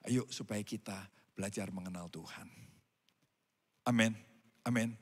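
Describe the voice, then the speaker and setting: A pastor preaching a sermon to his congregation, swinging between loud calls and quiet asides. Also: fairly low pitch, unhurried, husky. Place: church hall. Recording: hall reverb.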